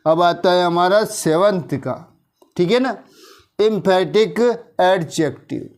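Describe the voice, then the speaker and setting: A man with a Hindi accent teaching English grammar, explaining slowly and checking in with the class after each point. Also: high voice, lively intonation. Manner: slow explaining, drawn-out example sentences, frequent "theek hai na" checks. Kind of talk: classroom-style grammar lesson.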